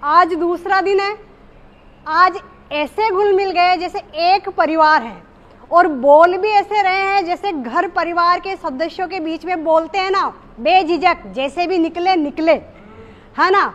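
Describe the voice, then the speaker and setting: At a speaking workshop, a woman with a very high-pitched, slightly bright voice addresses a small group at a measured pace. As a participant reflecting on what she's learned, she sounds hesitant, with many fillers and restarts.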